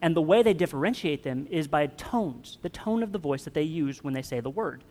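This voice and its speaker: Pastor preaching in a reverberant hall. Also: male voice, a little high, animated, fairly quick, a little mellow. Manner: conversational, joking with the congregation. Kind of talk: sermon.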